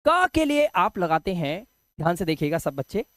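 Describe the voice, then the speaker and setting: A man's voice: high-pitched, very animated, moderate pace, fairly bright tone, dry recording. A man with a slightly sore throat, explaining English basics to beginners and repeating key words back as questions. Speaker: English teacher. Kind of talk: classroom explanation.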